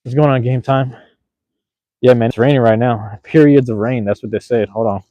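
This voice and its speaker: Talking to his livestream viewers via phone camera in light rain outside, he rambles casually, slangy and relaxed, often repeating himself. His voice sits at medium pitch, mellow and fairly even, at a normal speed with no room sound.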